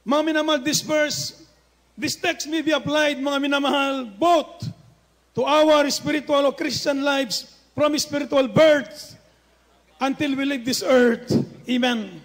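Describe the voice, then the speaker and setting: A man preaching in a strikingly high voice. He stresses each phrase and urges the congregation to answer amen. Measured stretches swell into fervent, almost shouted passages. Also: fairly even intonation. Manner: emphatic, repeatedly calls the congregation to say amen; switches between measured speech and fervent near-shouting. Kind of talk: sermon.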